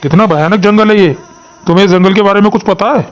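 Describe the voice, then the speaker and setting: A man's voice: high voice, fast talker, lo-fi sound, lightly acted. A man voicing a timid, fearful young village man in a cartoon, speaking in a nervous, pleading way. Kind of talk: cartoon voice acting.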